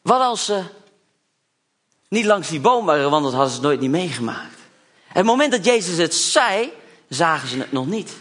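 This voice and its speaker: A man's voice: a little high, sing-song, normal speed, long pauses, a bit bright. A man preaching a sermon, telling a Bible story with chatty asides and acting out the disciples' lines.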